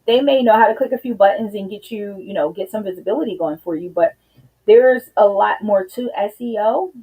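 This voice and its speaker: Slightly breathless woman, mellow husky voice. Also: mid-range voice, a little fast, low-quality recording. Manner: chatty, addresses viewers directly with "you guys". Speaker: business consultant hosting a live show. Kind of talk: casual live-stream talk.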